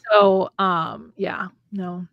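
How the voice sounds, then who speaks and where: A woman's voice: mid-range voice, steady tone, extremely slow, gravelly, no room sound, studio quality, soft background music. A woman from Minnesota co-hosting a podcast, chatting casually and joking about the cold. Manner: joking, mimics people in quoted asides. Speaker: podcast co-host. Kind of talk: casual chat.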